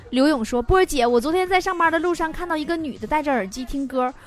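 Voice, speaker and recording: A woman's voice: high-pitched, very noisy. A young woman with a Northeastern Chinese accent hosting a comedic radio show, reading listener messages and teasing them playfully. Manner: playful, teasing, laughs at own jokes. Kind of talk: casual comedic radio chat. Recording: music bed behind voice.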